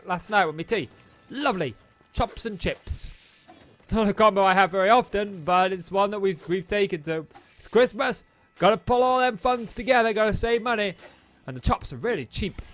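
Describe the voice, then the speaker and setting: A man giving chatty, excitable gameplay commentary and taunting the enemies on screen. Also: high-pitched. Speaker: let's play host.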